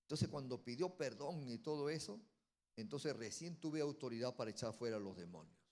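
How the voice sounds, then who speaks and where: A man, a pastor telling a story in a sermon and building to loud, emphatic preaching. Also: mid-range voice, animated, brisk. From Peru.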